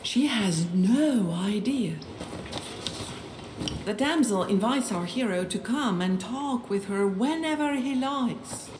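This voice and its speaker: A woman reads a game's story in an unhurried, deliberate storybook manner, now and then sinking to a hush. Her voice carries a roomy echo with faint noise underneath. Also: fairly high pitch, expressive. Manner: measured, with occasional hushed whispers. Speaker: game narrator. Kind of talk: scripted storybook narration.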